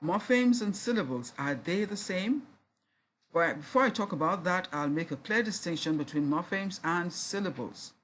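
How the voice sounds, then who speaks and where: A university lecturer giving a recorded lesson, talking slowly and deliberately, repeating each word to sound it out and spelling out letters. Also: mid-range voice, animated, fairly bright tone, a little hiss or hum.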